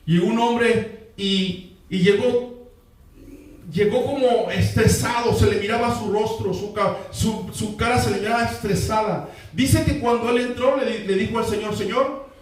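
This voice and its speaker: The recording catches a pastor's voice from a distance, echoing through a church sanctuary as he delivers a sermon. His voice is high, with fairly even intonation and no rush. He repeats key lines and asks the congregation to respond.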